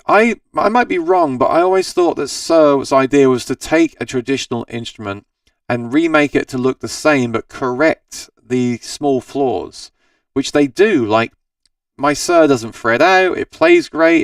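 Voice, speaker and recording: Answering comments on his live guitar-gear stream, the Australian host rambles and self-corrects in a friendly, chatty manner. His medium-pitched voice is tired and scratchy, gravelly over a smooth base, with lively intonation and a slightly slow pace. He sits far from the microphone, and the sound is completely dry with no room tone.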